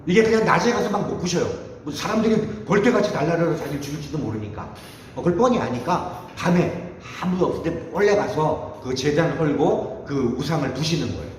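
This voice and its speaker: A man delivers a lively sermon, acting out the people in his story and poking fun at himself. His pitch sits a little high and swings widely. The sound is very echoey, with a long hall reverb and faint room noise behind him. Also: a little fast. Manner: animated, acts out quotes, self-mocking. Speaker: youth group preacher. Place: church hall.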